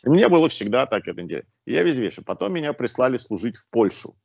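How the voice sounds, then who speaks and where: Sing-song and fast, with vocal fry, a breathy edge, and a slightly mellow medium pitch, a man in his sixties tells stories as a video-call guest at home in his living room. He restarts often and uses filler sounds, and his wired earphone mic gives dull, dry lo-fi audio without room sound.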